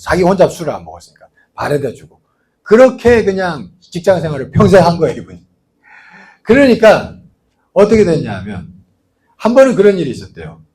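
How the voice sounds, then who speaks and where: In church, a pastor with a high-sitting, darkish voice preaches a sermon through chatty storytelling. He frequently turns to the congregation with rhetorical questions and asides.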